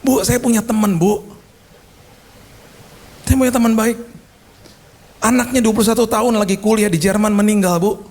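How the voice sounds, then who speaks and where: A man's voice: sits high, fairly even intonation, normal speed, long pauses, a little mellow. A male pastor preaching a sermon, telling stories emphatically and slipping into casual slang.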